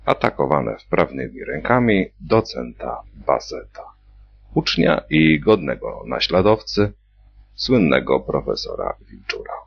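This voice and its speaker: A man reading a satirical story, narrating in a slow, playful way. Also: a bass voice, sing-song, a little hiss or hum. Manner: slow, gravelly, playful voicing of characters. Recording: dull lo-fi recording.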